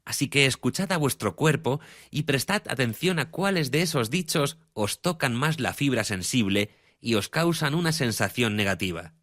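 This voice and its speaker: A man speaking as a guest expert in a dubbed interview, calmly explaining and repeating each saying slowly. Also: medium pitch, no echo, clean studio sound.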